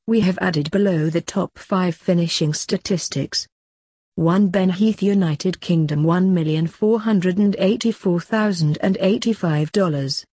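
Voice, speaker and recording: A woman narrates a written article in a formal manner, sticking closely to the script. Her voice sits a little low, with a dark, soft tone and a husky edge. The recording is dry and close, with no room sound. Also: dry recording. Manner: formal, reading verbatim.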